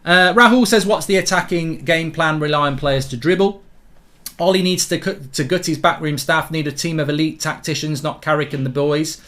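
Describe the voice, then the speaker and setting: A man's voice: fairly high pitch, moderate pace, a bit bright. A man hosting a fan channel, giving an emphatic, repetitive post-match breakdown. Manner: emphatic, repetitive, frustrated reasoning. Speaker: football fan channel host. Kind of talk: casual post-match rant to camera.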